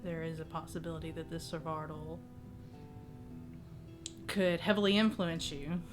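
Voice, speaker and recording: A woman as a quiet, low-voiced cautious advisor. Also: flat delivery, moderate pace, faint music behind, close to an everyday voice. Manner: quiet, careful, formal. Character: cautious, deferential, quiet female fantasy advisor.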